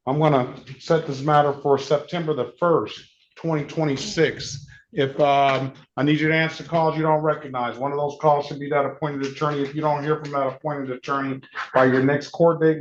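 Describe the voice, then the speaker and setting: In dull, lo-fi courtroom audio with a faint hiss, a man serving as judge reads case calls and procedural instructions in a matter-of-fact way, going over key points again. His voice is a little high and steady, at a normal speed.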